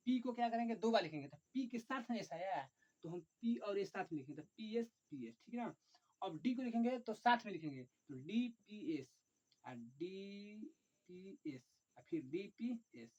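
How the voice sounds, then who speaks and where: A man teaching an online chemistry lesson, dictating slowly and repetitively, often saying "look" and counting aloud. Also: high-pitched, darkish tone. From Bihar, India. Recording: dull lo-fi recording.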